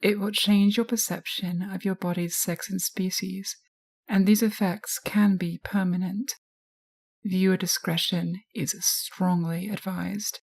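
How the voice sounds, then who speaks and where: A woman narrating a scripted guided hypnosis in a soft, soothing, measured way. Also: mid-range voice, little pitch movement, in a large hall. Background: music.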